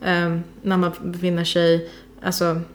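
A woman's voice: lowish voice, monotone, a little hiss or hum. A young woman co-hosting a podcast, speaking thoughtfully and searching for words with many fillers. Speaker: podcast co-host. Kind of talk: casual discussion.

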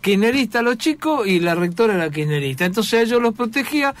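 A man's voice: high-pitched, sing-song, fast. A man with a Rioplatense Spanish accent, hosting a radio talk show, answering his guest with short agreeing replies. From Argentina. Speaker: radio host.

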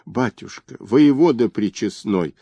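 A man voicing a fawning, bankrupt male merchant who pleads in a high nasal whine. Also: sing-song, slow, dark tone, no room sound, dull audio, heavily acted. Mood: pleading. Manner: groveling, wheedling.

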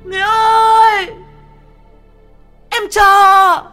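Parody bit: a wailing, melodramatic teenage girl, very high and bright, played by a man mocking her. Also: level tone, extremely slow, faint music behind, full character voice. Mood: wailing, pleading. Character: sobbing teenage girl begging her departing soldier boyfriend.

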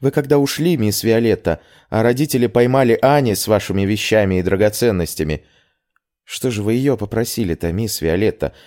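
A man's voice: lowish voice, fairly quick, darkish tone, pitched above the performer's own voice, natural voice. A man voicing a loyal young maid in an audiobook, chatty and indignant, addressing her mistress deferentially. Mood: reporting.

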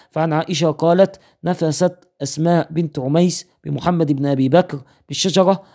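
A man's voice: on the high side, mellow. A man teaching Islamic jurisprudence, reading a fiqh text aloud, counting off points in order and citing his sources.

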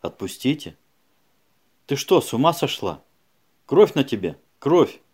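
A man's voice: mid-range voice, sing-song, a little slow, husky. A man playing a tough, aggressive male detective who barks and mocks in an audiobook. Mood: scornful. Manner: shouting, bullying, scornful.

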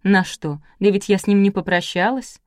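A woman's voice: mid-range voice, fairly even intonation, normal speed, a little mellow, no echo, studio quality, close to an everyday voice. A woman reading aloud, voicing a spiteful, sly village gossip with a terse, biting manner.

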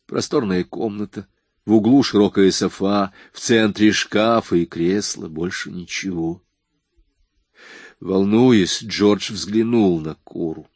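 Low husky male audiobook reader. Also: slow pace, darkish tone, no room sound. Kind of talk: audiobook narration.

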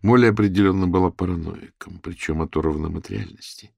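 A man narrating an audiobook in an expressive, scripted delivery. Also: sits low, brisk, gravelly, husky, no room sound, clean studio sound.

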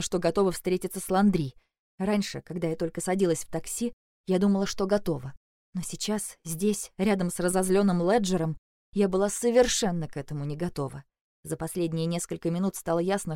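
A woman's voice: fairly low pitch, mellow, no echo, studio quality. A woman narrating a first-person audiobook in a tense, anxious storytelling manner.

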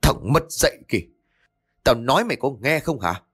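A man's voice: medium pitch, big pitch swings, moderate pace, husky. A man voicing a stern, furious older male clan head who scolds harshly and wails in grief, in a spoken ghost story. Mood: furious scolding.

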